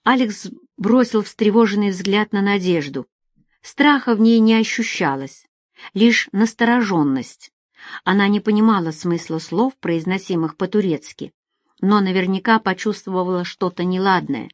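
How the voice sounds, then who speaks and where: Female audiobook narrator, even and measured, dead-dry studio sound. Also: mid-range voice, dry recording.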